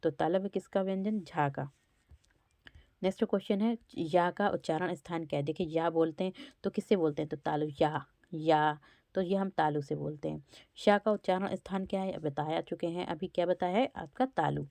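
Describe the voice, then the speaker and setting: A woman's voice: fairly low pitch, normal speed, vocal fry, warm tone, dry recording. A woman teacher going through exam quiz questions one by one, sounding out each letter aloud to show where it is spoken from. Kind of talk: exam-prep lesson.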